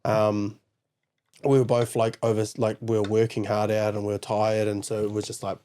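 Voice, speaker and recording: A man's voice: lowish voice, flat delivery, normal speed, warm tone, clear, resonant tone. A man in his twenties with a New Zealand accent, telling stories bluntly and swearing in a casual podcast chat. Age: 20s. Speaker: podcast co-host and father.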